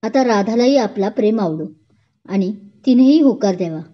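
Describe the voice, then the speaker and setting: A woman's voice: medium pitch, animated, normal speed, close to an everyday voice. A woman reading a storybook romance, voicing an older mother who is suspicious but hopeful. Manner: suspicious then warm and hopeful. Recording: dull lo-fi recording.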